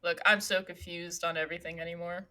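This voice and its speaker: A woman's voice: lowish voice, level tone, quick pace, bright, forceful tone. A woman co-hosting a casual movie podcast, with a playful, jokey way of talking. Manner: playful, jokey, laughs easily. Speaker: podcast co-host.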